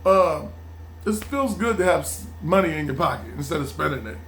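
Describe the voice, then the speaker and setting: Male vlogger, lively high voice, loose casual monologue. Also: brisk, a little hiss or hum. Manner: animated, acts out friends' voices, laughs often.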